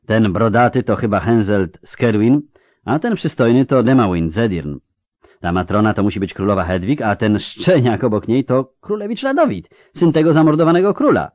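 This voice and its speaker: A man's voice: medium pitch, animated, moderate pace, a little mellow, dry recording, clean studio sound, voice pushed up, close to an everyday voice. A man voicing a young woman mercenary captain, clipped and emotional, in a storybook reading. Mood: wry musing.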